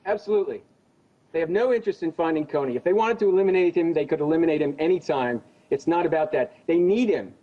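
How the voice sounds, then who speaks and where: The news interview guest, an American genocide investigator, speaks fast in a voice on the high side. He insists on his opinions emphatically and accusingly, heard through dull lo-fi audio.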